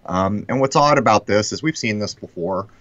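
American man, low voice, muffled echoey audio. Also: animated, normal speed, fairly bright tone. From United States. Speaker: live stream host. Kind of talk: casual talk commentary. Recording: muffled, echoey live-stream call audio.

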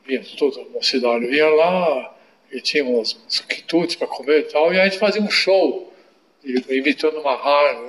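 A man in his eighties reminiscing in an interview, telling stories in an unhurried way with tag questions. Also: medium pitch, fairly bright tone. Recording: echoey room.

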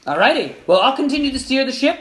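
A gruff middle-aged sea captain who gives orders in short, brusque lines, voiced high and bright by a man acting him out. He sounds in charge of his ship and a little impatient. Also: very animated, quick pace. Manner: brusque, commanding.

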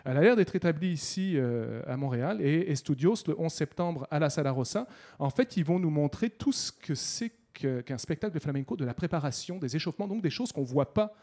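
A man, chatting casually on the radio and halting often with restarts as he promotes events. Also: a little high, animated, warm tone. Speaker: festival guest columnist.

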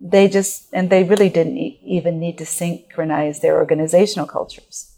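A middle-aged Japanese woman, a guest expert on organizational culture, answers interview questions conversationally, thinking aloud and restarting her sentences. Her voice is lowish, warm, and steady, with vocal fry and a moderate pace.

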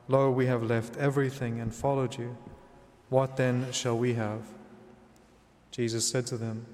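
A man, a priest, reads the gospel aloud and then gives a homily in a measured teaching manner, often checking in with "right?". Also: mid-range voice, a little mellow, big-room sound.

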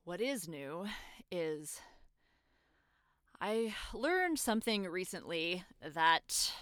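A young woman acting a guilt-ridden former soldier who confesses by phone, talking haltingly, swearing, and sliding toward panic. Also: on the low side, sing-song, a bit bright, smooth, no room sound, clean studio sound, heavily acted. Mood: reflective. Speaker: caller confessing to a priest. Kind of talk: audio drama acting.

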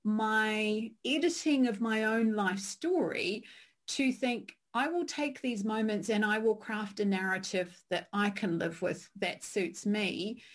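A woman, telling her story in a thoughtful, measured way. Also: mid-range voice. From New Zealand. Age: 50s. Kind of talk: reflective conversation.

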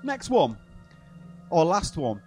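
A man's voice: a little high, huge pitch swings, slow pace, a little mellow, faint music behind. A man hosting a comedy podcast, upbeat and laughing often. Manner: upbeat, laughs a lot, runs the segments. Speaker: podcast host. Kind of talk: comedic banter.

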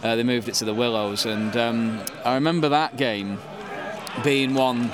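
A man in his thirties from England, a football fan with a Mancunian accent, is interviewed casually amid background crowd noise. His medium-pitched voice keeps a steady tone and moderate pace, with frequent ums and restarts.

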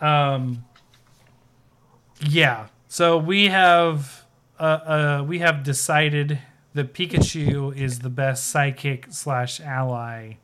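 A man's voice: on the high side, fairly even intonation, slow, a bit bright, smooth. A man co-hosting a casual podcast, rambling with lots of fillers and restarts. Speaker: podcast co-host. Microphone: video call setup, sharing his screen.

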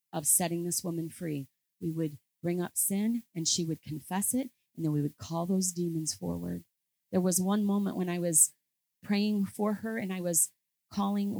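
A woman preacher with a gravelly edge to her voice, telling a story to her congregation. She speaks emphatically and pushes toward forceful declarations. The sound is dry and close. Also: lowish voice, no room sound, poor audio. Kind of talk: storytelling sermon.

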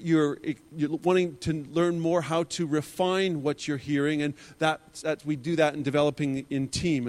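Earnest man leading a church seminar. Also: on the high side. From Canada. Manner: earnest, often restarts and repeats words. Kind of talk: conference talk.

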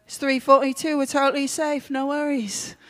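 A woman voicing a cheeky young man who teases and reassures in a quick, chummy way. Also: high voice, flat delivery, in a large hall, pitched above the performer's own voice, lightly acted. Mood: playful.

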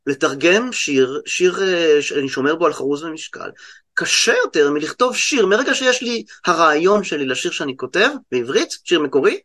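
A man with an Israeli accent explaining things conversationally as an interview guest, halting and often restarting mid-word. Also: on the high side, bright, forceful tone. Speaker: guest translator and poet.

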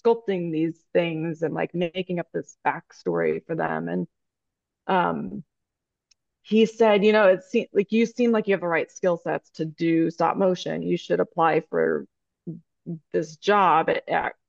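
A woman's voice: lowish voice, measured pace, creaky, darkish tone, dry recording. A woman guest telling a long story in a casual interview, rambling with many fillers and restarts. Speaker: guest, stop motion animator. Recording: dry, dull lo-fi podcast audio.

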